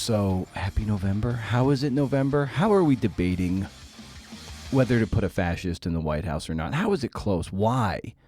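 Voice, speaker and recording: This podcast host has a lowish, slightly mellow voice. He talks and interviews in a relaxed, wry manner, often throwing out rhetorical questions.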